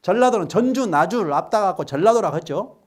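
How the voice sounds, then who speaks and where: A man's voice: sits high, expressive, quick pace. A middle-aged lecturer talks to a live audience. His voice rises and falls a great deal. He cracks jokes, fires questions at the crowd and leads them in repeating words back. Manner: joking, quizzes the audience and has them repeat after him.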